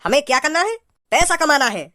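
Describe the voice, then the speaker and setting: A woman's voice: sits high, animated, bright, forceful tone, dry recording, clean studio sound. A woman voicing a greedy, scheming male thief boss in a cartoon, who rants bossily. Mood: ranting. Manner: bossy, ranting, fast. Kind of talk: cartoon comedy voice acting.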